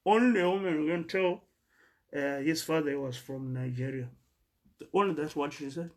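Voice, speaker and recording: Speaking to fellow migrants at a moderate pace, this Zimbabwean man's voice runs on the high side. With his Zimbabwean accent, he delivers an earnest monologue drawn from scripture, stumbling and repeating words while he searches for the next.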